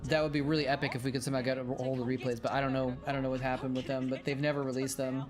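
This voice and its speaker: Racing along in a medium-pitched, level voice, a streamer who used to cast games chats casually over old matches, rambling, self-correcting, and reading and answering chat aloud. Hours of talking have left his voice tired.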